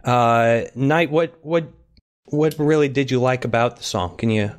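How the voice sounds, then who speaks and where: A man's voice: medium pitch, unhurried. A man hosting a casual fan podcast, moderating the discussion with jokes and frequent restarts. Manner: joking, loosely moderating, many restarts.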